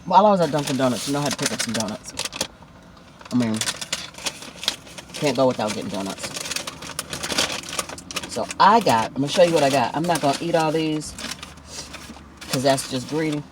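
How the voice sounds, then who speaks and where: A man's voice: medium pitch, brisk, pauses often, background noise. A man chatting casually in a food mukbang vlog, heartfelt and talkative, lingering over each item. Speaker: food vlogger.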